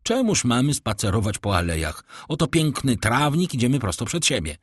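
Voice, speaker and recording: A man voicing a cool, commanding nobleman who speaks in a measured, ironic way, in an audiobook reading. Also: medium pitch, sing-song, slightly rough, no room sound, studio quality. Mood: cold, ironic.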